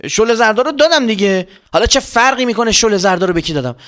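A jumpy young boy in an audio storybook, his voice pushed high and stammering with fright, as a man puts him on. He rushes and gets louder when scared, never sitting still in his words. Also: expressive. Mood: defensive. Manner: stammering, panicky.

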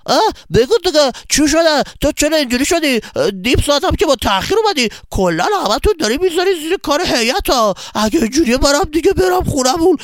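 A man doing a shrill, whiny boy. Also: lively intonation, hardly any pauses, dry recording, studio quality. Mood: complaining. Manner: nagging, shrill complaining. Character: whiny, complaining young boy.

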